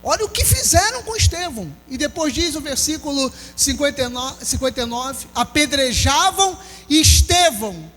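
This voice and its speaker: A Brazilian pastor preaching an impassioned sermon, calling out questions to the congregation. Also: male voice, very high voice, expressive, brisk, hardly any pauses, fairly bright tone. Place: church hall. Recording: long hall reverb with faint music.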